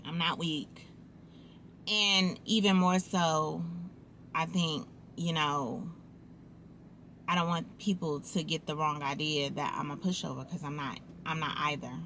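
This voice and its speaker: A woman vlogger, telling a casual storytime in an unhurried, reflective way with restarts. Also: sits low, fairly even intonation, pushed and bright, a little hiss or hum.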